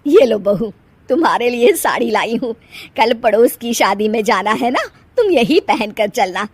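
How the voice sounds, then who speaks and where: A woman voicing a domineering middle-aged mother-in-law in a cartoon story, loud and scolding. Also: on the high side, lively intonation, normal speed, breathy edge, no room sound. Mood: doting. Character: bossy middle-aged mother-in-law, favors one son.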